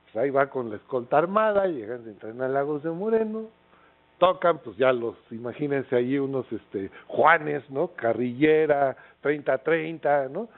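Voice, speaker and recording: This lecture comes from a middle-aged man from Mexico, speaking at medium pitch and normal speed with an animated delivery and a Mexican accent. He tells it casually, full of fillers and tag questions. The audio has a thin, phone-like quality.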